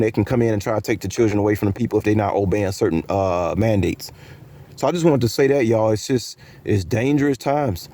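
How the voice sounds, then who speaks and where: A man's voice: medium pitch, mellow. A man talking to his viewers in a casual, rambling, conspiratorial vlog monologue, full of fillers and restarts. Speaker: vlogger.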